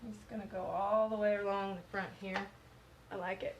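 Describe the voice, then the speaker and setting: A woman's voice: medium pitch, flat delivery, fairly quick, rough recording. Southern lady doing a live painting lesson on her phone, chatty, narrating every step, bit of background hiss. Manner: loose, chatty, talks through each step. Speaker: painting instructor. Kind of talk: live-stream painting tutorial. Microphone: phone on live stream.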